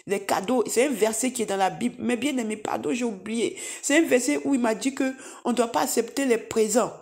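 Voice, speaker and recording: A woman with a somewhat high voice recounts a vision as a church testimony. She tells it in an animated, repetitive way, turning often to address her listeners as beloved. She sounds middle-aged and speaks as a preacher in her own ministry. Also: fairly quick, creaky. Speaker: prophetess giving testimony. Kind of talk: spoken testimony.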